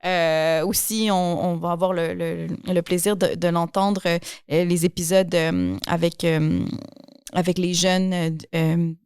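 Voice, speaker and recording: Young woman, Québécois accent, chatty host, smooth clear voice, dry sound. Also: lowish voice, darkish tone, no room sound. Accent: Québécois French. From Quebec. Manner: chatty, quick restarts, enthusiastic. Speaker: podcast host. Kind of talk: casual interview conversation.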